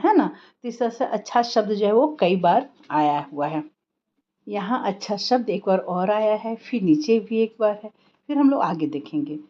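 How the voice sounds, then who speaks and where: A woman explains a lesson to young children in a patient, unhurried way, posing questions and answering them herself. Her voice is mellow and warm, and the recording sounds a little dull and lo-fi. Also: medium pitch. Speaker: teacher.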